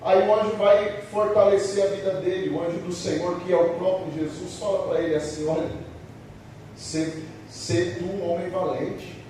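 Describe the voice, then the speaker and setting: A Brazilian man preaches in a high, mellow voice, quoting scripture and stretching his emphatic phrases. He sounds some distance from the microphone in a strongly echoing church hall with a faint hiss behind him. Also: fairly even intonation, moderate pace. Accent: Brazilian Portuguese. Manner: preaching, quotes scripture, rising emphatic delivery. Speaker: pastor. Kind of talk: sermon.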